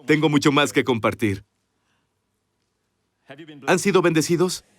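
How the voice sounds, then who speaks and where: A man's voice: on the high side, animated, measured pace. A man giving a dubbed sermon voice-over, preaching emphatically and asking the congregation rhetorical questions, recorded in a voice-over studio.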